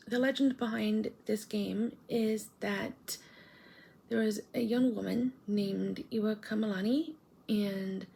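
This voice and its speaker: Slow, creaky-voiced woman vlogging late at night. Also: mid-range voice, a little mellow, slight background noise. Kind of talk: casual late-night challenge vlog, recounting an urban legend.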